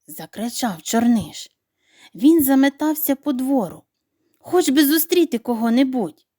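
A woman narrating a children's bedtime story in an expressive, animated reading voice. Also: high-pitched, measured pace, no echo, studio quality.

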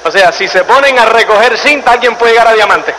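Bright high-voiced man speaking in a hall. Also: brisk. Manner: animated storyteller, acts out scenes and asks the audience rhetorical questions. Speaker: motivational speaker. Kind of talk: live seminar talk to an audience. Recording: reverberant hall with faint noise.

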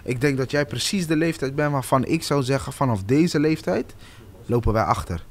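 A man's voice: medium pitch, moderate pace. A man, hosting a casual discussion in colloquial, slangy speech and repeating phrases for emphasis. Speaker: podcast host. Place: table in an open indoor café-like room. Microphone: close podcast microphone on a stand.

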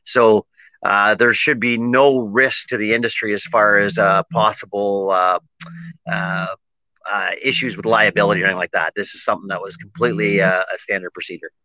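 Canadian businessman, halting answers full of uhs, forceful bright voice, dry dull lo-fi call audio. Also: on the low side, steady tone, dry recording. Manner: halting, many filler ums and uhs. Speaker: industry association president. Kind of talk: interview answers.

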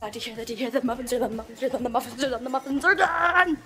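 This cooking vlogger's voice sits high and she races through her words while talking viewers through home baking, peppering everything with "like" and "you know." She records in her kitchen on a phone or camera held at arm's length, music running beneath her.

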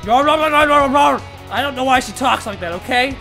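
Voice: sits high, slow pace, gravelly, pushed and bright, faint music behind, full character voice. A performer voicing a tusked walrus character who hosts game videos and yelps and shrieks at the game in playful commentary. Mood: excitable. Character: excitable tusked walrus gamer. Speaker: gaming video host. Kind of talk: let's play commentary.

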